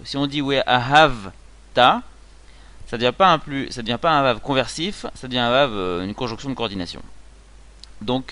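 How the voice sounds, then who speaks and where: Guy teaching how to read hebrew, bright clear voice, lots of euhs, spells stuff out slow. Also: medium pitch. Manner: explains patiently with frequent fillers, sounds out words slowly. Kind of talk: spoken reading lesson.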